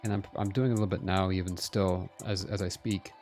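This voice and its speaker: During a live game stream, a man with a low voice talks a little fast and with fairly even intonation. He's casual and self-deprecating, speaking directly to chat over a headphone and desk mic setup while soft music plays behind him.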